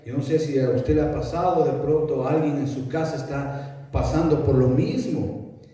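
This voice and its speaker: A man's voice: mid-range voice, moderate pace, warm tone. A male pastor preaching a sermon in earnest, repeating himself and asking rhetorical questions, heard from far off in a large echoing room. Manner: earnest, repetitive teaching with rhetorical questions and restarts. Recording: echoey hall, voice from far off.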